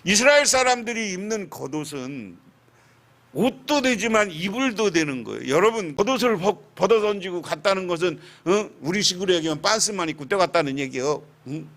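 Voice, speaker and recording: High-voiced pastor preaching. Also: male voice, brisk. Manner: animated storytelling with rhetorical questions to the congregation. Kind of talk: sermon.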